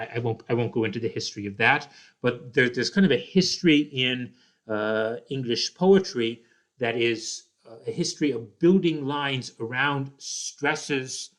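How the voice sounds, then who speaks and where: A man's voice: mid-range voice, fairly bright tone. A man teaching a poetry lesson, explaining carefully and often checking in with "okay?", with some restarts and "uh" fillers. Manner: slow, deliberate explaining with frequent "okay?" check-ins. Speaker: literature teacher. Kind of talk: recorded poetry lecture.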